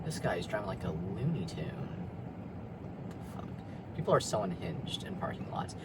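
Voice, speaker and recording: This young man's voice sits low and is very animated as he speaks at normal speed in a personal vlog from his car in a parking lot. He's rambling and confessional, swearing and using lots of fillers, over heavy background noise.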